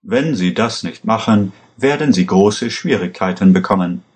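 A man reading a story aloud, voicing a corrupt policeman who speaks calmly, steadily and with command. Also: fairly low pitch, normal speed, natural voice. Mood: calmly threatening. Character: calm menacing corrupt male policeman.

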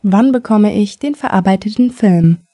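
A woman reading the lines of an adult male patient with an injured arm in a plain, even voice. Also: high-pitched, normal speed, no echo, clean studio sound.

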